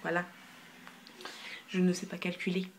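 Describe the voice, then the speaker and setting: A woman's voice: on the low side, monotone, measured pace, a little hiss or hum. A young woman chatting casually through a makeup haul, full of fillers and repeated words, sometimes dropping almost to a whisper, filmed on a phone. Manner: chatty, filler-heavy, repeats hyper, drops to near whispers. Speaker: beauty vlogger. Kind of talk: casual product haul review. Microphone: phone camera.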